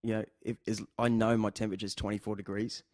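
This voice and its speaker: A man's voice: fairly low pitch, flat delivery, quick pace, darkish tone, dry recording, clean studio sound. An Australian man hosting a casual chat interview, talking in a rambling, joking and teasing way. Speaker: show host.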